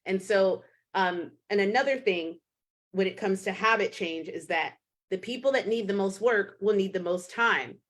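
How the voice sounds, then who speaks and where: A woman's voice: normal speed, a bit bright. Blunt, swearing woman podcast host. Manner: blunt, swears, acts out clients in a higher voice. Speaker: podcast host and fitness coach. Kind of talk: casual solo podcast monologue.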